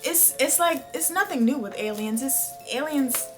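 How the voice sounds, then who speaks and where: A woman talking casually in an animated, slangy, emphatic way, like a host chatting with a friend. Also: high voice, moderate pace. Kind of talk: casual chat. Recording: music playing behind. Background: music.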